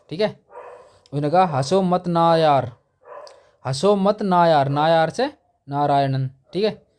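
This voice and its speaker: A man walks students through quiz memory tricks. He talks in a somewhat high voice and makes each name stick with playful rhymes. He breaks into little acted-out quotes as he goes. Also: dark tone. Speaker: teacher. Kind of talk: exam mnemonic lesson.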